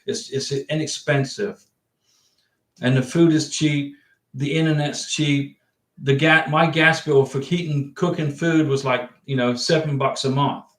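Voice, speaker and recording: A man with a somewhat high voice hosts a casual livestream Q&A, reading out viewer questions and answering in a loose, rambling way. The sound is echoey, like a bare room at home. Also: steady tone, measured pace. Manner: chatty, rambling, reads viewer questions aloud. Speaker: livestream host giving immigration advice.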